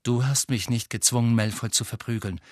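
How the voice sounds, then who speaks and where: A man's voice: medium pitch, steady tone, a little fast, no room sound, studio quality, lightly acted. A man voicing an irritable, bitter teenage boy hero in a storybook, speaking curtly and sharply. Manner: curt, irritable.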